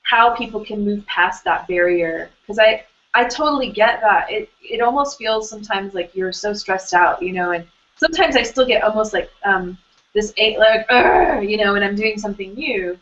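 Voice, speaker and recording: A woman's voice: mid-range voice, moderate pace, a bit bright, muffled recording. A woman hosting an online hangout, talking casually and rambling with lots of fillers and restarts. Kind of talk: casual conversational interview.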